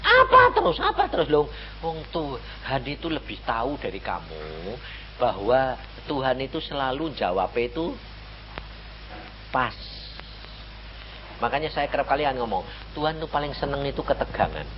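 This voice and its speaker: A man's voice: mid-range voice, lively intonation, measured pace, muffled recording, slight background noise. An older man with a Javanese accent preaching a sermon in a conversational way, full of rhetorical questions. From Central Java, Indonesia.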